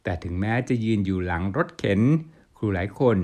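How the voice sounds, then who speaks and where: A man's voice: deep voice, brisk, a little mellow. Guy reading a news story, formal and polite, studio voiceover. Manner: polite formal delivery with Thai polite particles. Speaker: news reporter. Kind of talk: scripted news narration.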